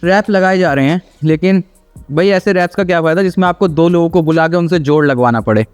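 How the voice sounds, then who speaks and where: A man's voice: fairly high pitch, fast talker, clean tone, soft background music. A man giving casual, teasing commentary on gym videos, explaining technique and often checking in with "theek hai". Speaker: fitness video reactor and host.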